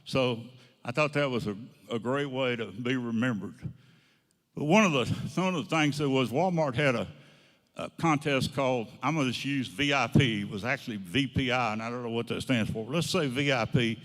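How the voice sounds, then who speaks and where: Casual: guy spinning a folksy story, lots of "he goes, I said", mid-pitched voice ringing through a big echoey hall. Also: normal speed, fairly bright tone. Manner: folksy, long chains of "he goes, I said". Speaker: guest speaker. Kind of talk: anecdotal storytelling talk. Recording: long hall reverb.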